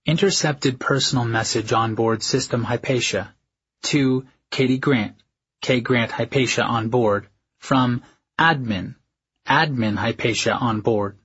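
Husky, detached male shipboard announcer. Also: mid-range voice, a little slow, fairly bright tone, muffled recording. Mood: detached, official. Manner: formal, clipped, detached. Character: impersonal shipboard message system reading official notices. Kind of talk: scripted announcement in a dramatized audiobook.

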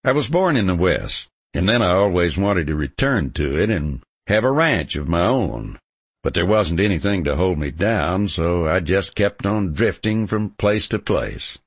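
A man voicing a bold, stubborn drifting cowhand in an audiobook, cocky and romantic, speaking bluntly and confidently in a gravelly voice. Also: low-pitched, sing-song, unhurried, dry recording, full character voice. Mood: reflective. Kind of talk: audiobook character dialogue.

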